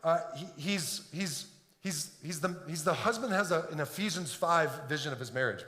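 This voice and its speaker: Preaching at a moderate pace, a middle-aged Detroit pastor uses a fairly high, sharp, expressive voice. He is earnest and often repeats words while building a point, recorded in an echoey church sanctuary with long reverb.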